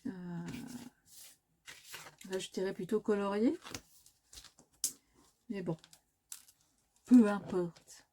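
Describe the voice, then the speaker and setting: A woman's voice: mid-range voice, very slow, pauses often, noisy background. A woman hosting a crafting tutorial, talking casually and hesitantly with many filler sounds and self-corrections as she works. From France. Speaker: crafting video host.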